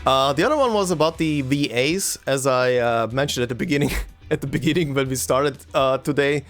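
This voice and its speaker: A Croatian man hosts a let's play, chatting casually with viewers in a mid-range voice over soft background music. His English blends American and British with a slight German tinge. He speaks haltingly, with many fillers and repeated words.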